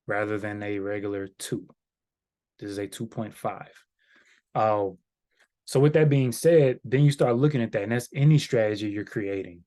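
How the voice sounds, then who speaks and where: Animated man teaching a trading class. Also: medium pitch. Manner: casual and animated, with sung filler sounds and asides to the chat. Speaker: trading instructor. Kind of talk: live class walking through stock charts.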